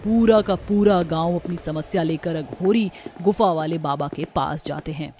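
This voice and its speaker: A woman's voice: on the low side, normal speed, dark tone, a little hiss or hum. Woman narrating a horror cartoon. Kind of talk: scripted storytelling narration.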